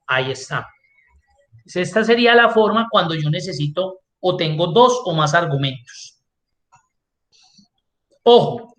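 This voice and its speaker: A man's voice: sits high, a bit bright. Guy teaching class online, computer mic, goes step by step, asks himself why and answers. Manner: explains step by step, answers his own questions. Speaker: Excel instructor.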